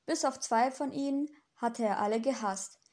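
Woman narrator, audiobook, steady storytelling, slightly high voice. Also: moderate pace. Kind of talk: scripted narration.

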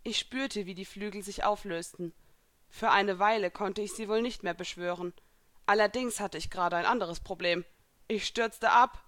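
A woman narrates a first-person fantasy story, reading at a calm and steady pace. Her voice is mid-pitched and even, and she keeps it quieter than the dialogue she acts out. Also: no echo. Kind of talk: reading first-person fan fiction aloud.

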